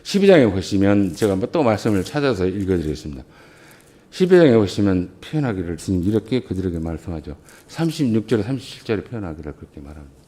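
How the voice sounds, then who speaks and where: A middle-aged man preaches from the pulpit of a church, his voice rising and falling in wide, lively swings. He throws rhetorical questions out to the congregation and drives his points home with emphatic bursts. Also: fast. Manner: emphatic preaching with big swings in pitch and volume. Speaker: pastor. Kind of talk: sermon. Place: church sanctuary.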